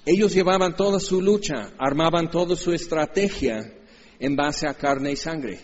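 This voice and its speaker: A man in his fifties with a Mexican Spanish accent, preaching a lively, jokey sermon and acting out Bible characters in different voices. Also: on the high side, measured pace, big-room sound, muffled recording. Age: 50s. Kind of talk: animated sermon with acted-out voices.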